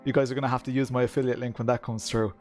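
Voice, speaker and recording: An Irish man with a west of Ireland accent from Kerry talks casually as a stream host. His voice sits at a middling pitch. There is music in the background as he addresses his viewers. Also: flat delivery, racing, a little mellow. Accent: Irish, County Kerry in the west of Ireland. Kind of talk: casual chat with stream viewers, reading comments.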